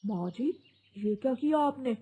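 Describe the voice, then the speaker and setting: A young husband bird in a cartoon questions sternly, played by a woman. The voice is fairly high and breathy, and it sounds a little distant at times. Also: lively intonation, normal speed, dark tone. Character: young husband bird, son caught between wife and mother.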